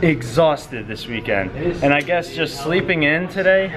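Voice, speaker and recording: A man's voice: fairly high pitch, animated, moderate pace, crowd noise. A man in his twenties talking to the camera in a casual, upbeat and rambling vlog. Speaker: vlogger.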